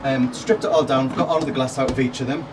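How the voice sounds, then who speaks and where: A man renovating old windows, explaining his work to camera in a relaxed, hesitant way with lots of ums. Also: mid-range voice, fast talker, background noise. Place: top-floor room of a château.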